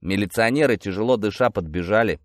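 A man narrating a first-person audiobook in a lively, expressive storytelling manner. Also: lowish voice, fast talker, dry recording, clean studio sound.

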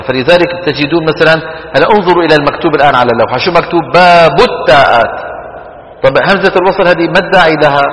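A man lectures a class on Quran recitation, pitched a little high. He keeps quizzing the room as he explains. His voice rings around a big hall with a long tail of reverb. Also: a bit bright.

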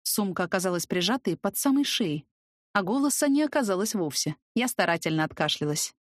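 A woman's voice: mid-range voice, animated, a little fast, no echo. Woman narrating an audiobook, dry sound. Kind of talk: first-person audiobook narration.

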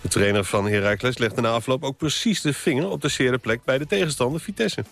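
A man's voice: medium pitch, fairly quick, gravelly. A man reading scripted sports results and match reports as a radio news presenter. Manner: lively results bulletin delivery.

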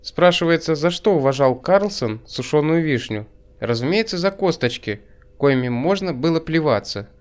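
A man narrating an audiobook in a measured, wry literary reading, also speaking as the first-person hero. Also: on the high side, expressive, clean tone. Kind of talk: scripted narration.

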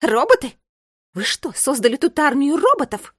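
A woman's voice: a little high, very animated, moderate pace, slightly rough, no echo, studio quality. A woman reading aloud and voicing a furious, vengeful girl who shrieks and hisses. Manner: shrieking, spitting rage.

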